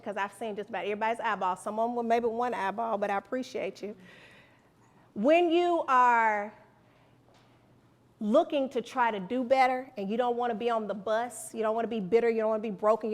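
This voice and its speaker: A middle-aged woman giving a motivational speech to students, animated and preacherly, repeating lines for emphasis. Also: on the high side. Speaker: guest speaker.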